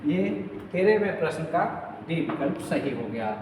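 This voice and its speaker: A male teacher running an exam-prep quiz lesson, repeating each question and key word slowly and checking in with his students. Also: a little high, animated. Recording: far from mic in an echoey room with long reverb, faint noise.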